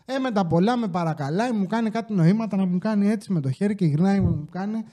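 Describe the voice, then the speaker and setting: A young man with a high, mellow voice tells stories from his job on a casual podcast. He talks in rapid, animated bursts, mimics customers, and curses in exasperation. His tone is relaxed and soft-edged, never sharp, while he barely stops for breath. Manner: exasperated, swears. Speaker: podcast host. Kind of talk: casual chat, telling workplace stories. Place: indoor podcast set.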